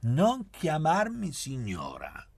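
A man reading as a sulky young woman, raised high. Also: wildly swooping pitch, slow pace, vocal fry, full character voice. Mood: pouting. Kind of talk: audiobook reading.

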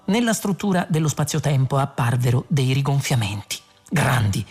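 Husky low-voiced woman reading a story. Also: normal speed, faint music behind. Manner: expressive, dramatic storytelling. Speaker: narrator. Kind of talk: audiobook reading.

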